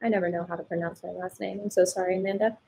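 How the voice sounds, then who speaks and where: A woman's voice: on the low side, steady tone, racing, creaky, a little mellow, slightly rough, rough recording. A woman hosting a casual fashion color chat, upbeat and explaining things to viewers. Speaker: color analyst host.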